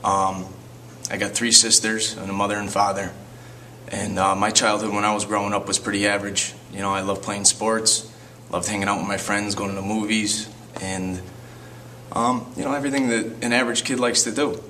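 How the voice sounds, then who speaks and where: A young man in his twenties from Connecticut reminisces casually and fondly. His low voice has a bright, sharp edge, caught by a distant mic with faint hiss. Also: little pitch movement, normal speed. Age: 20s. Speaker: interviewee. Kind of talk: documentary testimony.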